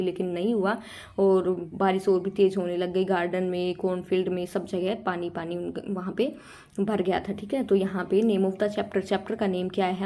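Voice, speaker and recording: Mellow-voiced woman teaching English in Hindi. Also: mid-range voice. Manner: reads English lines slowly, explains in chatty Hindi with repeated checks. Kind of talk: exam-prep lesson explaining questions.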